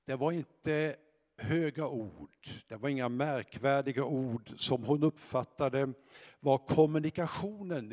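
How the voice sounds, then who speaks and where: A man giving a slow, reflective sermon, pausing often and hesitating as he explains scripture. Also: medium pitch, darkish tone. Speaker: preacher. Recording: long hall reverb.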